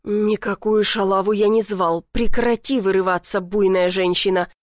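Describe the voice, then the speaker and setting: A gruff, indignant male boss, as a woman reader puts him on, barking back in short bursts. It stays close to her own voice, recorded dry and close for an audiobook. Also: medium pitch, fairly even intonation, moderate pace, dry recording, lightly acted. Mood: angry. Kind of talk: audiobook character voice.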